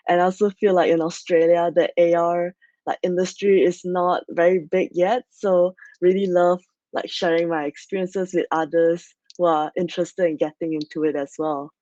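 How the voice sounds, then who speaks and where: The speaker is a young woman from Malaysia giving a chatty online conference talk peppered with "so yeah" and "like." Her voice sits a little low and sounds slightly mellow, captured dry and a bit muffled as if over a video call's computer mic.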